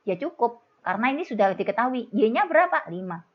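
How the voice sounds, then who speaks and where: A woman's voice: a little high, sing-song, fast talker. Chatty Javanese-accented woman teacher, lo-fi. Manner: chatty, scolding-playful, calls students "kids". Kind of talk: exam-prep lesson. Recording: dull lo-fi recording.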